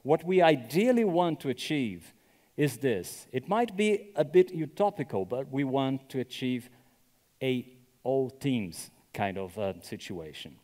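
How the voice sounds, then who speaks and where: A man's voice: medium pitch, big pitch swings, a little slow, dark tone. Man giving a conference talk, echoey hall. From Brazil. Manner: conversational, often checks with "right?". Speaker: conference speaker. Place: conference venue.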